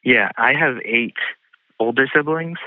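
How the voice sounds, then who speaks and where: A man's voice: medium pitch, unhurried, no room sound. A man in his twenties calling in on the phone, shy and hesitant. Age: 20s. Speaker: caller. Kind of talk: phone call. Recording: tinny phone line.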